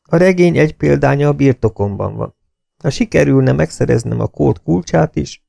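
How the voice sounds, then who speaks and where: A man's voice: mid-range voice, animated, vocal fry, dark tone, dry recording, clean studio sound, pitched above the performer's own voice. A man voicing a tense, commanding army officer in an audiobook. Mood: determined. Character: tense British intelligence officer.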